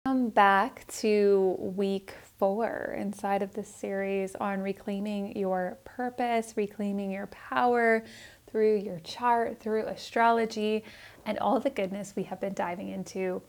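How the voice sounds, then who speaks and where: A woman's voice: mid-range voice, fairly even intonation, a little slow. A woman hosting a spiritual podcast, talking in an earnest, rambling way and correcting herself as she goes. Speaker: podcast host. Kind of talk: casual spiritual podcast talk.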